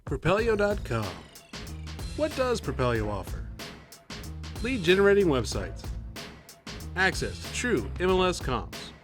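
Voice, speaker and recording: A man's voice: high voice, sing-song, measured pace, long pauses. A man reading an upbeat scripted ad. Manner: upbeat promotional delivery. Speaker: ad announcer. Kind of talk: scripted ad read. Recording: voice over loud music.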